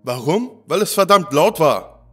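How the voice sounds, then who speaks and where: A man's voice: a little high, animated, unhurried, sharp tone, slightly rough, soft background music, voice pushed up, full character voice. A man voicing a blunt, impatient male soldier who snaps back in a spoken horror story. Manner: blunt, snapping.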